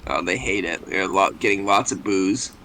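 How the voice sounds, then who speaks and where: A man's voice: low-pitched, normal speed, bright, forceful tone, a little hiss or hum, low-quality recording. A young man from the United States chatting casually over a game, laughing often, teasing and hesitating mid-thought. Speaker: co-host. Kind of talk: casual gameplay chat.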